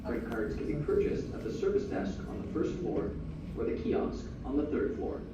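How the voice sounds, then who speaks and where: A man making a formal library announcement over a PA loudspeaker, heard from a distance in a large library hall. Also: mid-range voice, very animated, normal speed, lo-fi sound. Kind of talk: recorded public announcement. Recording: echoey distant loudspeaker with room noise.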